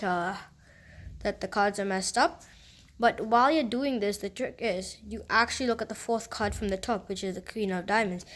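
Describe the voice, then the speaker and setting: A female-sounding voice at a middle pitch delivers card magician patter in a casual, tutorial way. The host explains step by step and often rephrases each instruction.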